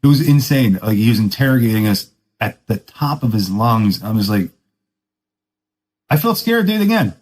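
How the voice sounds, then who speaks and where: A man hosting a podcast rambles through a casual story at normal speed in laid-back surfer slang, saying "dude" again and again. His pitch leaps high and low as he goes, and he keeps laughing and mocking himself. The recording is rough.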